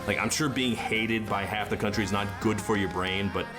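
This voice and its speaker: Low-voiced guy doing a snarky scripted music review, music going under him. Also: steady tone, fairly quick. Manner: sarcastic, dry. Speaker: music critic.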